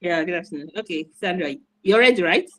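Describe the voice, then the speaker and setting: Fast and expressive, with a lowish voice, a Nigerian woman moderates an online event on a video call. As host she is enthusiastic, encouraging and repetitive; the recording quality is low.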